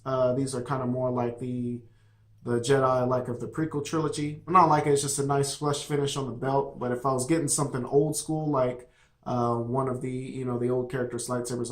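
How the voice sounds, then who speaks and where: A man casually reviewing a product, rambling with many fillers and restarts. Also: medium pitch. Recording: echoey room.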